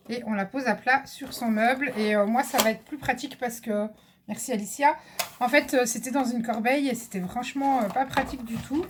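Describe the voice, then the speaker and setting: In this relaxed haul clip, a woman with a high voice chats her way through new craft supplies, addressing both her audience and an assistant. Her speech is loaded with fillers and hesitation, and background noise is present.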